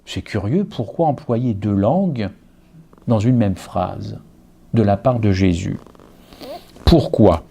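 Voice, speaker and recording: A man from Guadeloupe preaching a sermon, his voice dark and mellow. He speaks with animated emphasis, asking the listeners rhetorical questions as he goes. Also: on the low side, takes it slowly, creaky, long pauses, husky. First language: Guadeloupean Creole alongside French.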